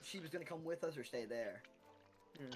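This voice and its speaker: A man's voice: fairly high pitch, animated, a little fast, over music. A man chatting casually as a player in a tabletop game, rambling and thinking aloud.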